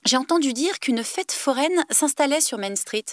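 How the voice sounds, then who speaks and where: A woman's voice: fairly high pitch, expressive, a little fast, fairly bright tone, no echo, clean studio sound, pitched above the performer's own voice. A woman reading aloud, voicing a timid, studious teenage girl from a novel with an eager, rising delivery.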